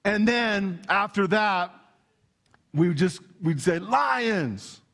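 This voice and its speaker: A man with a Canadian accent preaching a lively sermon in a church hall, playful and energetic as he talks straight to the congregation. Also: sits high, slow. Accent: Canadian English. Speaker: pastor.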